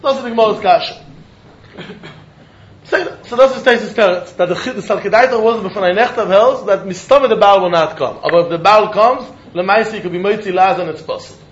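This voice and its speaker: A man's voice: high voice, fairly quick. A man with a Yiddish accent giving a Talmud lecture, posing questions and answering them argumentatively, repeating phrases for emphasis. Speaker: religious teacher giving a Talmud lesson. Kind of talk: Talmud lecture mixing English with Yiddish and Hebrew. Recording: muffled, echoey room recording.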